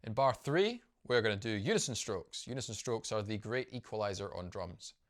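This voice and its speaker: A man's voice: fairly low pitch, lively intonation, moderate pace. Upbeat man teaching drum rudiments. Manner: upbeat, explanatory, counts rhythms aloud. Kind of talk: instructional video lesson.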